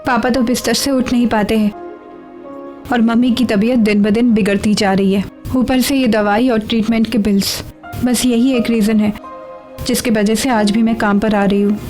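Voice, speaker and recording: A woman's voice: on the high side, fairly even intonation, moderate pace, a little mellow, faint music behind, close to an everyday voice. A woman playing a weary young office worker. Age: young adult. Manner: tired, frustrated talk.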